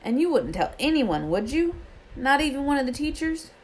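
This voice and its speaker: A woman's voice: mid-range voice, big pitch swings, normal speed, pitched above the performer's own voice, low-quality recording. A woman voicing a curious, polite, slightly anxious young schoolboy with an earnest, questioning way of talking in a storybook reading. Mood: anxious probing.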